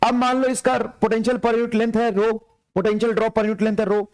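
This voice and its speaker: Male physics tutor, high-pitched, energetic, repeats phrases to push students along. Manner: energetic, repetitive urging, slow dictation of English problems. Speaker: physics teacher. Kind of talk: lively classroom lecture.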